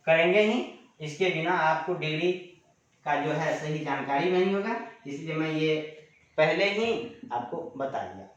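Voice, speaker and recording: A man teaching grammar in a classroom-style lecture, explaining patiently, repeating each definition and drawing out example words in his terms. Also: high voice. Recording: echoey room, dull lo-fi sound.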